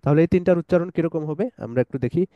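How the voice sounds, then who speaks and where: A man's voice: fairly high pitch, very fast, no room sound, highs cut off. A man teaching a pronunciation lesson, saying each letter sound over and over for listeners to repeat, with English phrases mixed in. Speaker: tajweed teacher.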